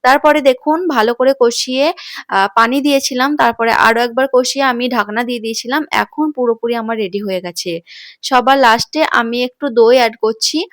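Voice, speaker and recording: A woman's voice: a little high, moderate pace, a bit bright, no echo, studio quality. A woman talking through a home recipe in a casual, chatty way, often saying "okay" between steps. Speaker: cooking video host. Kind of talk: casual cooking voice-over.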